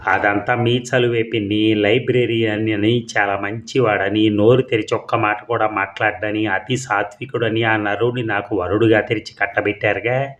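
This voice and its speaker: A man doing a meek, hushed young wife. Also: on the low side, flat delivery, moderate pace, close to an everyday voice. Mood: hushed, rueful. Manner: hushed and pleading, patient. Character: meek young wife who talks softly.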